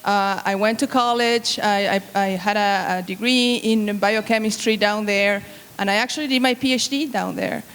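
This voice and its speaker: A woman's voice: medium pitch, fairly even intonation, normal speed, fairly bright tone, clear, resonant tone. Woman speaking in a hall. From Argentina. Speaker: banquet speaker, university researcher. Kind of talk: speech to students. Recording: reverberant banquet hall.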